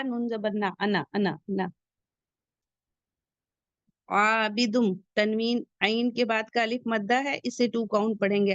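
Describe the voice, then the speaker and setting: Woman recitation teacher, fairly high voice, patient step-by-step explaining, dry close sound. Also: no echo. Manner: patient, explains each rule slowly and repeats key points. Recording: dull lo-fi sound.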